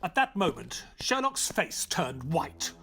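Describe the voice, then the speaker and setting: An actor playing Dr. Watson, an earnest gentleman companion narrating a detective audio drama with measured storytelling. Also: a little high, big pitch swings, gravelly, noisy background, full character voice. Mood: earnest, dramatic.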